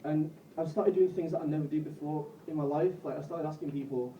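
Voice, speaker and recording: Dark-voiced Northern English comic, twenties. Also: male voice, fairly high pitch, steady tone, slight background noise. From Bolton, England. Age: 20s. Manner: self-deprecating, halting with repeated restarts, swears freely. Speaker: stand-up comedian. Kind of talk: live stand-up set. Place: comedy club stage. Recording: roomy, distant, muffled live recording.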